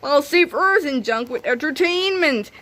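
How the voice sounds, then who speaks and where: A woman's voice: high voice, animated, measured pace, bright, forceful tone, pitched above the performer's own voice, full character voice. A woman voicing a silly, cheerful male superhero in underpants, exuberant and declaiming, from a comic storybook.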